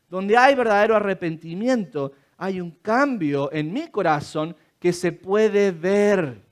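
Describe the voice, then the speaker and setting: High-voiced man preaching with emphasis. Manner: emphatic, with rhetorical questions and acted quotes. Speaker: pastor. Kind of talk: sermon. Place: church.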